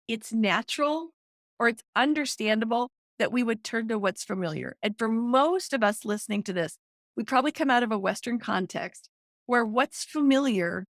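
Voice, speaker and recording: A middle-aged woman, a guest author and counselor, explaining with excited emphasis in a podcast interview. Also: on the high side, dry recording, studio quality.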